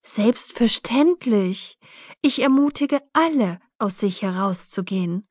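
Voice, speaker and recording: A woman's voice: mid-range voice, animated, slow pace, a little mellow, dry recording, clean studio sound. A woman voicing a frank, free-spirited mother who talks about intimacy in a breezy, matter-of-fact way, read in an audiobook.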